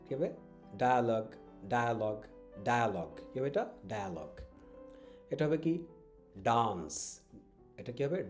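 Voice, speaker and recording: A man with a Bangladeshi accent teaching English pronunciation online, repeating each word slowly and mixing in English phrases. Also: mid-range voice, a little mellow. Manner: drills words with slow repetition; mixes English phrases into his talk.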